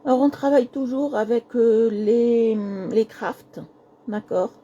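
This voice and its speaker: Hosting a relaxed live craft stream, a woman speaks softly in a hoarse, cracking voice, apologizing often and repeating herself. She sits on the high side and talks a little slowly, and the recording sounds muffled.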